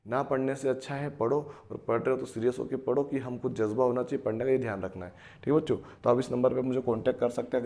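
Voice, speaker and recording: A man's voice: medium pitch, warm tone. A man teaching a math lesson to children, explaining step by step and answering his own questions. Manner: explains step by step, often asks and answers himself; addresses students as children, repeats key phrases.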